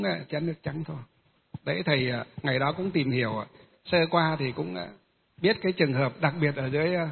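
A Buddhist monk telling a long story in a rambling, halting way, with many filler pauses. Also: male voice, a little high, slightly rough. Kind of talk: storytelling Dharma talk. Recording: tinny phone-like sound with long reverb.

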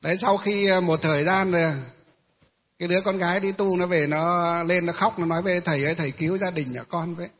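A Buddhist monk telling a long story in a rambling, halting way, with many filler pauses. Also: male voice, high-pitched, fairly even intonation. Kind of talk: storytelling Dharma talk. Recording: tinny phone-like sound with long reverb.

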